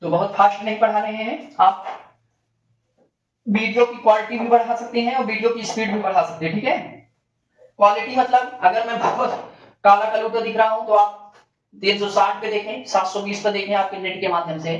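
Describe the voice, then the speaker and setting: A male physics teacher giving a classroom lecture. He asks the class questions and answers them himself in a lower voice. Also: fairly even intonation, normal speed. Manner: addresses students as bhaiya and bachche. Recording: distant, echoey, dull classroom recording.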